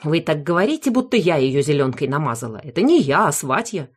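A woman voicing a fussy, loud old grandmother in an audiobook, who is indignant and blames everyone else. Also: mid-range voice, animated, moderate pace, close to an everyday voice. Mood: defiant. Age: older. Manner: indignant, bossy, blames others. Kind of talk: audiobook character voice.

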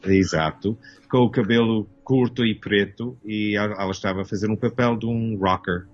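A man's voice: on the low side, fairly even intonation, moderate pace, dull audio. A Canadian-born man in his fifties, a costume designer speaking as an interview guest, hesitant and searching for words with many restarts. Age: 50s. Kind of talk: casual interview talk.

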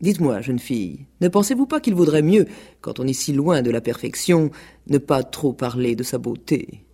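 A woman's voice: very deep voice, lively intonation, moderate pace, warm tone, breathy edge, full character voice. A woman voicing an elegant, condescending peacock in a radio play, affected and mocking.

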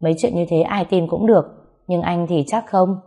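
A woman voicing a gentle young man, the narrator's boss and lover, speaking softly in an audio story. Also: lowish voice, normal speed. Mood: tender.

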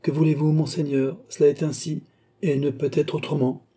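A man reading a cold, composed count who calmly demands repayment, keeping a polite but unyielding manner. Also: on the high side, moderate pace, breathy edge, pitched above the performer's own voice. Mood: cool. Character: icy, composed male count and sorcerer-creditor.

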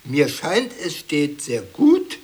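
A pompous master of ceremonies in an absurd radio comedy. His voice is high and rough-edged, with formal, lecturing phrases. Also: wildly swooping pitch, slow pace, darkish tone, heavily acted. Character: pompous male presenter of absurd learned characters. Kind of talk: absurdist comic drama acting.

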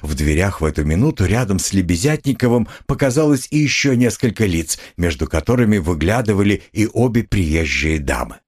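Husky, expressive male audiobook narrator. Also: low voice, a little fast, few pauses. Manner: dramatic, expressive reading. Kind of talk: scripted literary narration.

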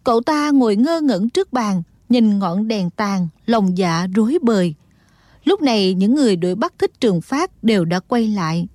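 A woman narrating a martial-arts novel in a steady, dramatic storytelling tone. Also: mid-range voice, moderate pace, no echo. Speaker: audiobook narrator.

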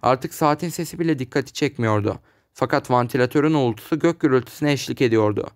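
A man narrating an audiobook in a steady storytelling manner. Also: mid-range voice, fast talker, no echo, studio quality. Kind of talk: scripted narration.

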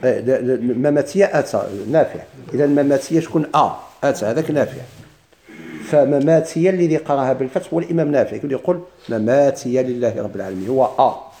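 A man with a Moroccan Arabic accent, teaching Quranic readings in a classroom lesson and chanting verses slowly. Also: mid-range voice, dark tone. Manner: explains in dialect, chants quoted verses slowly.

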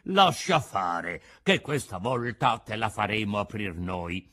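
A man voicing two menacing assassins who grumble threats in gruff voices, in a storybook reading. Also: lowish voice, animated, slow, pushed and bright, heavily acted. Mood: threatening.

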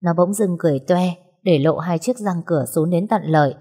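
A woman narrating a first-person story in a steady, reflective way. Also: on the low side, brisk, slightly rough.

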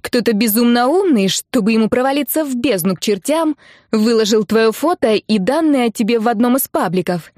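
A loud, excitable young woman shrieks news down the phone, her voice high and strained with alarm. A woman reader acts her out in a close, dry audiobook recording. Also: a little fast, no echo, lightly acted. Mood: shocked, shouting. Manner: shouting, breathless with alarm. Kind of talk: audiobook character voice.

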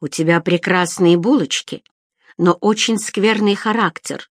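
Woman reader as a steady, unhurried stranger: drawled, quietly menacing lines in a lowish, dry voice. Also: dry recording. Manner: drawls slowly, calm and menacing. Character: cool, steady adult male stranger.

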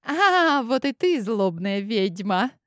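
A woman's voice: on the high side, sing-song, slow pace, a bit bright, dry recording, studio quality, full character voice. A woman voicing a teasing young woman in a mock-sinister, theatrical way for an audiobook. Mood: mock-sinister glee. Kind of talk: audiobook character voice.

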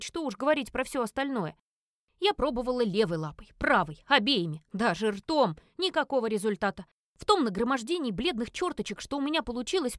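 A woman reading a first-person comic fantasy audiobook in an expressive, storytelling way. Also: a little high, no echo, clean studio sound. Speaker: audiobook reader.

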